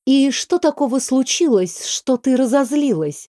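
A woman reading a soft-spoken young mage woman. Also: high voice, expressive, measured pace, dry recording, studio quality, pitched above the performer's own voice. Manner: soft and gentle. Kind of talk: audiobook character reading.

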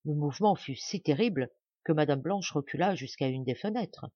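A woman narrating an audiobook in a measured, dramatic reading voice. Her pitch sits mid-range. The recording is dry and slightly muffled, with no room sound. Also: lively intonation, dark tone, husky, no room sound. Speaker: audiobook reader. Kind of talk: scripted narration.

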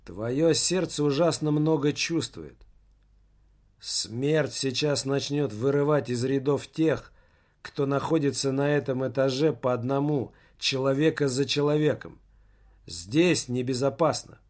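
A man reading an audiobook, voicing a manipulative company boss who speaks with calm foreboding. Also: mid-range voice, unhurried, lightly acted. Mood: ominous. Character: ominous corporate boss, manipulative and assured.

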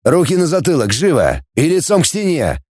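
A gruff male space-fleet coordinator barks orders and sneers at the crowd, as a male audiobook narrator plays him. His voice is mellow and lively in pitch, with a tough, mocking edge. The sound is close and dry. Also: a little fast, no echo, exaggerated voice. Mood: commanding. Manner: barking orders, sarcastic.

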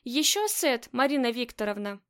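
A loyal, easygoing young bodyguard with a light, teasing way of speaking, in an audiobook, read in a high voice by a woman. He stays respectful while he jokes. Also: very animated, moderate pace, a bit bright.

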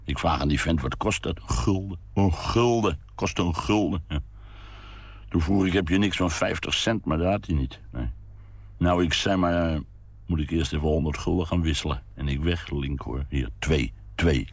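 A man's voice: low-pitched, moderate pace, husky, no echo. A man voicing a weary, wistful drinking man of about fifty who mumbles and rambles, humming to himself, in a read-aloud story. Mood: rambling.

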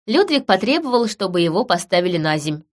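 A woman narrating a story in the first person with even storytelling. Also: medium pitch, fairly quick. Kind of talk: scripted narration.

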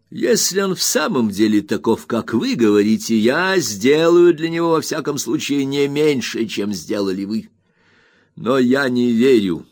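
A man reading aloud, voicing a stern and indignant elderly aunt who scolds in slow, emphatic phrases. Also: medium pitch, no room sound, studio quality.

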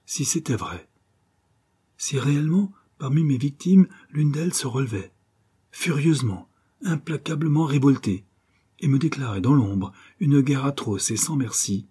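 A man voicing a ruthless middle-aged banker who is haunted by fear, speaking tensely and sometimes dropping to a hoarse whisper. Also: lowish voice, normal speed, darkish tone. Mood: anguished.

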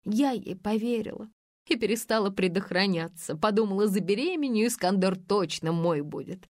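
A woman reading an audiobook, voicing a brash, spiteful, scheming woman with a shrill, mocking manner. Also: animated, normal speed, darkish tone, dry recording, clean studio sound, close to an everyday voice. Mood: bitter confession. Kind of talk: audiobook character voice.

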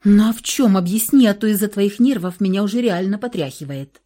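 A woman voicing a hot-tempered young woman who is frantic and stubborn, with shrill, hysterical outbursts, in an audiobook reading. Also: a little fast, warm tone, close to an everyday voice. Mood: needling.

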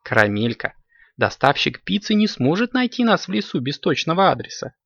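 A man voicing a calm, caring mother cat who explains things gently, on a dull lo-fi recording. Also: on the high side, brisk, gravelly, dry recording, pitched above the performer's own voice, heavily acted. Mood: gentle.

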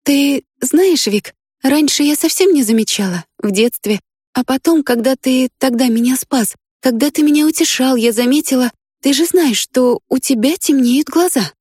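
Woman reading as a young girl, soft and pleading, higher pitched, tender, dry close sound. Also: moderate pace, breathy edge, no room sound. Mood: anxious tender. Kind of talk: audiobook character voice.

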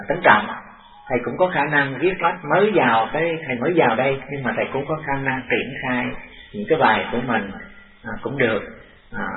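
Older male monk, halting dharma talk; distant, tinny, echoey tape. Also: medium pitch. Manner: halting and deliberate, repeating phrases. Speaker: monk teacher.

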